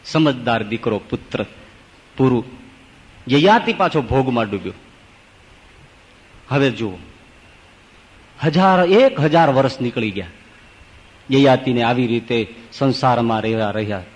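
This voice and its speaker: A man's voice: medium pitch, lively intonation, a little slow, long pauses. A man, a swami, telling a scripture story in a devotional sermon, acting out each character in turn. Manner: acts out story characters in changing voices. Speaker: swami giving a scripture discourse. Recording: long hall reverb.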